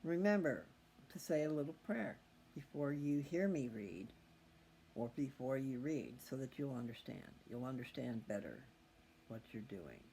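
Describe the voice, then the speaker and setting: A man who hosts a scripture reading channel chats casually with his viewers, rambling in a folksy way and thinking aloud as he goes. His voice is medium-pitched, gravelly and warm, with lively intonation and a moderate pace. Faint background noise sits under the recording.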